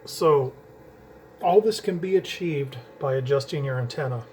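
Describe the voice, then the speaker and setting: A man with a medium-pitched, slightly mellow voice explains radio setup at a measured pace, fiddling with gear as he goes. As a CB radio hobbyist in a casual how-to video, he rambles and restarts. His camera mic carries a little hiss or hum.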